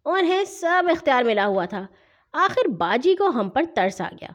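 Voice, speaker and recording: A woman narrating a children's story with a lively, expressive reading. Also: sits high. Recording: dull lo-fi recording.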